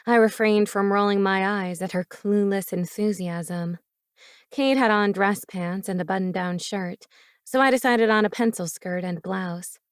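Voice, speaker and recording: Woman, audiobook narrator, first-person romance, even measured telling, dry close sound. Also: mid-range voice, clear, resonant tone, no echo.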